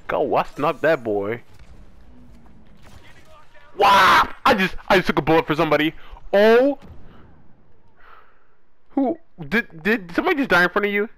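A young man chatting casually while playing a game, given to loud excited outbursts. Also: fairly high pitch, moderate pace, long pauses, no room sound. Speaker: gamer. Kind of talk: casual gaming chat.

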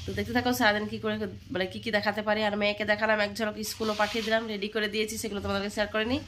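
A woman in her thirties from India with a West Bengal accent, hoarse from a cold, chatting casually to viewers as she cooks at home. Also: mid-range voice, little pitch movement, very fast, slight background noise. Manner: chatty, talks straight to viewers while cooking. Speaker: housewife vlogger. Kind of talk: casual home vlog chat. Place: home kitchen. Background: loud guitar music.

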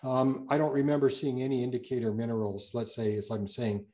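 Mellow-voiced man rambling through answers. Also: mid-range voice, flat delivery, fairly quick. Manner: rambling, self-correcting, hesitant with many fillers. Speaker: guest speaker, geologist. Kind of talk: answering audience questions in an online talk.

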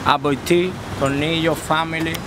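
A man's voice: on the high side, steady tone, moderate pace, over a noisy crowd. A young man with a Dominican accent, a native Spanish speaker, talking in slangy, repetitive street hype. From Dominican Republic. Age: young adult. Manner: slangy, repetitive, switches between Spanish and English. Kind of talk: casual street hype talk. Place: outdoors on a city street at night. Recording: very noisy outdoor night street.

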